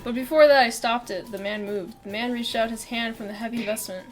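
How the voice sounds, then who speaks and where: A woman's voice: on the high side, a little fast, soft background music. A woman streamer reading a visual novel aloud, laughing and swearing between lines.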